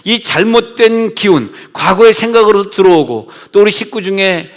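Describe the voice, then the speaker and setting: A middle-aged male pastor preaching a sermon in a conversational way, switching between loud commands and hushed asides. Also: high voice, animated, moderate pace. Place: church sanctuary. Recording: long church reverb.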